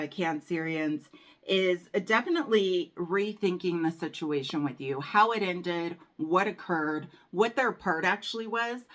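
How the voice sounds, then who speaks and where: A woman reads tarot cards for her viewers in a casual, chatty way. Her voice sits a little low, and she often calls them darling. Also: fairly bright tone. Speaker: tarot reader. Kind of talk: casual tarot reading to camera.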